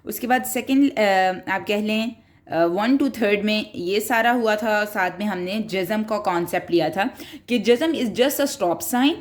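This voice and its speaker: A woman teaching Quran reading in a recorded tutorial, explaining each rule patiently, step by step. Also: medium pitch. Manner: patient, explains step by step, mixes in English words.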